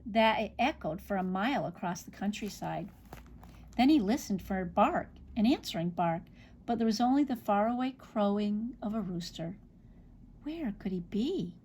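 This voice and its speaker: A woman reading a children's picture book aloud, expressive, with small slips and restarts. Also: medium pitch, normal speed, a little hiss or hum. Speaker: storybook reader.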